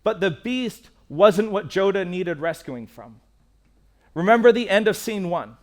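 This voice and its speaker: Earnest man preaching, fairly high voice. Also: expressive, measured pace, a little mellow. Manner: earnest, candid and personal, with emphatic repeated phrases. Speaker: pastor. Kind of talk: sermon. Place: church stage.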